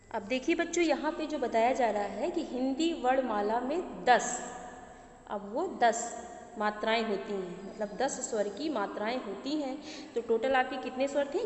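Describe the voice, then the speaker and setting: Woman teacher in an echoey room. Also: fairly high pitch. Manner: asks the class questions and answers them herself. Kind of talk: grammar lesson for children. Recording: echoey room, faint background noise.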